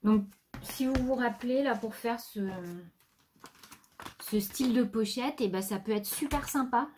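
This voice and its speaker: A woman's voice: fairly high pitch, measured pace. French woman rambling about craft buys, easygoing, lots of euh, faint hiss behind. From France. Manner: relaxed, chatty with fillers, addresses viewers directly. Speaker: crafting vlogger. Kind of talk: casual haul chat.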